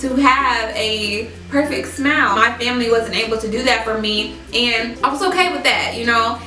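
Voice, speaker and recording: A young woman telling a personal story in a casual, chatty, emphatic and expressive way, as a vlogger talking to her viewers. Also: fairly high pitch, normal speed. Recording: echoey room, distant mic, music.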